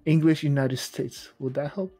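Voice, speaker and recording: A woman's voice: low voice, fairly even intonation, normal speed, dark tone, faint music behind. A woman from China streaming a game, chatting casually and giggling apologetically. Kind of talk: casual chat while gaming.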